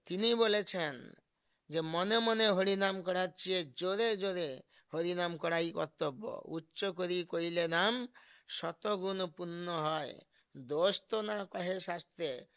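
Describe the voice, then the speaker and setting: A man with a Bengali accent giving a devotional sermon, answering a question and quoting scripture verses in a slow chant. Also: high-pitched, gravelly, fairly bright tone. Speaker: religious teacher answering a question.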